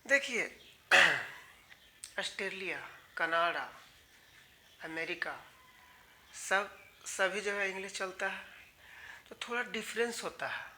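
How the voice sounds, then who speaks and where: A man's voice: sits high, sharp tone, a little hiss or hum. A man from India teaching English grammar in an online class, explaining patiently and talking straight to his students, often repeating key words.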